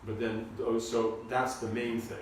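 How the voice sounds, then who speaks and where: A man teaching a seminar on scripture, talking in a halting, informal way and often repeating his words. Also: mid-range voice, flat delivery, slight background noise. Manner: halting, repeats words, asks the audience to follow. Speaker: spiritual teacher giving a seminar lecture. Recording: echoey room, recorded from a distance.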